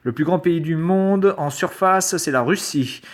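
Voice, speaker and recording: A man's voice: on the high side, a little slow. A man reading quiz questions aloud and reacting to them with sarcastic, exasperated commentary. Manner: sarcastic, exasperated, swears and mutters. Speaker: video creator.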